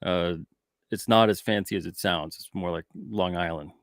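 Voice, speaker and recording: A man's voice: low-pitched, normal speed, no room sound, clean studio sound. A man from New York hosting a podcast, talking in an easygoing, agreeable way. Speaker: podcast host. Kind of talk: casual podcast chat.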